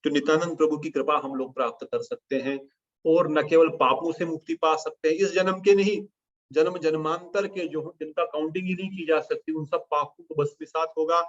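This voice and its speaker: Animated man telling devotional stories. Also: on the high side, normal speed. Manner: animated storytelling, mixing in English phrases. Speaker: preacher. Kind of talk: devotional sermon. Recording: dull lo-fi recording.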